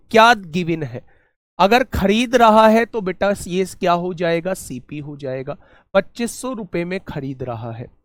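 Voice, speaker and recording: High-voiced man teaching a maths lesson. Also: dry recording. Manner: explains step by step, asks the class rhetorical questions. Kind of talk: online exam-prep maths lesson.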